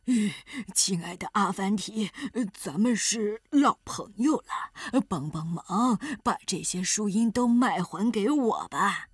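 A greedy old landlord with a short temper bellows and grunts through a children's tale, as a woman storyteller puts him on. His voice sits fairly high and sounds husky and worn, recorded close and dry with faint music underneath. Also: animated, slow, few pauses, fairly bright tone, no room sound, recorded from a distance, full character voice. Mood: pleading. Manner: grunts "uh" before lines, blustering. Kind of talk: storybook character voice.

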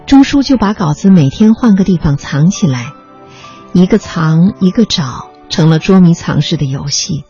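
A narrator calmly reading a memoir aloud, in a measured storytelling manner. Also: medium pitch, breathy edge. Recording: slightly muffled recording with faint music.

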